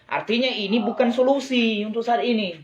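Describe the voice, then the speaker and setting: This man's voice is extremely high-pitched and brisk as he gives a persuasive business talk online to a live audience. He keeps asking whether listeners agree and repeats phrases for emphasis. The sound is lo-fi, with a little hiss or hum.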